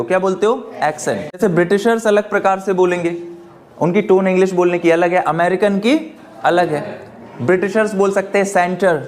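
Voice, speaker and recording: A man teaches a classroom lesson in a fairly high voice. He keeps putting questions to his students and then answers them himself. He often slips English phrases into his explanations. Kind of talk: classroom lecture.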